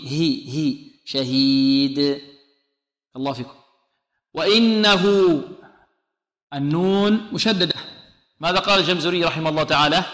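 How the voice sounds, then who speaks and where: Man, Quran recitation teacher, bright forceful voice, slow demonstrated recitation, echoey room. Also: fairly high pitch. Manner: asks questions and answers them, repeats sounds slowly to demonstrate. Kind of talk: tajweed lesson with recited demonstrations.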